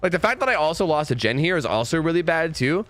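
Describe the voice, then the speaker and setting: A young man streaming live gameplay commentary, animated and swearing freely, jumping into high-pitched panic. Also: fast talker.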